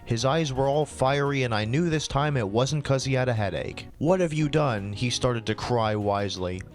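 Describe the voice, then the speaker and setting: A man's voice: mid-range voice, normal speed, soft background music. A man hosting his channel, reading fan fiction aloud with swearing and exasperated asides. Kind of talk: comedic dramatic reading.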